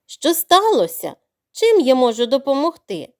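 A small, clever duckling from a bedtime audio tale speaks politely and firmly, as a woman voices it. The voice sits a little higher than the storyteller's own, with a lively lift. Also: measured pace, heavily acted. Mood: earnest. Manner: polite and firm.

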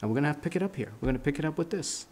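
A man's voice: on the high side, animated, rapid-fire, a little mellow. A man in his fifties, a pastor preaching a sermon at a church pulpit with emphatic, gesturing delivery. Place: church sanctuary, standing at a pulpit. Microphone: pulpit mic, filmed by a fixed camera.

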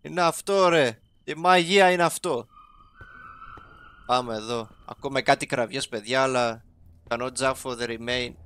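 A young man narrating his own game session in an excitable, chatty way, talking to his viewers as he goes. His voice is a little high and sharply bright. He drops English game terms into his talk. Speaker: gaming YouTuber. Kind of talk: casual let's-play commentary.

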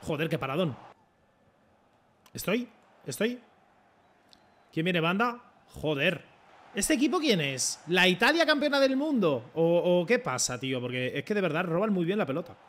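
Young guy yelling at a football game, high voice, swears a lot. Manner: excitable, swears a lot, talks to the referee and coach. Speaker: gaming streamer. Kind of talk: live gameplay commentary.

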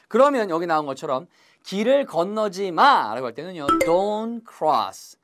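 A man teaching English in a lively video lesson, drawing out English phrases slowly between quick asides. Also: high-pitched, background noise. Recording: faint music underneath.

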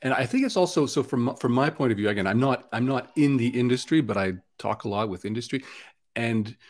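Canadian male host, casual conversational interviewer, mid-pitch, frequent restarts. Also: expressive, brisk.

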